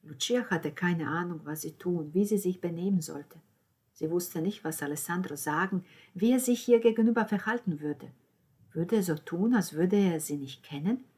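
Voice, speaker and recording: A woman reading a novel aloud as narrator, lifting her voice for the dialogue and dropping to a hushed tone in the narration. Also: lowish voice, normal speed, husky. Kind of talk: audiobook narration.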